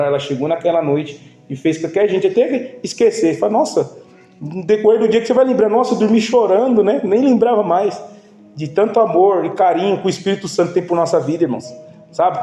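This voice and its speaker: A man's voice: fairly high pitch, mellow, roomy sound. A man preaching a sermon in an informal, emotional way, calling out to the congregation as brothers. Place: church.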